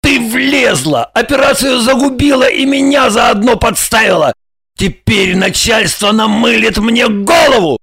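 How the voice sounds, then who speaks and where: An exasperated male intelligence officer, put on by a woman reading a story, scolds and scoffs with a gravelly, husky edge. He sounds low and rough for the reader, caught close in a dry space with no room around him. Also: expressive, measured pace, fairly bright tone, no echo, shouting, faint music behind, heavily acted. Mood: indignant. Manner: indignant, scolding, scornful. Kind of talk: audiobook character voice.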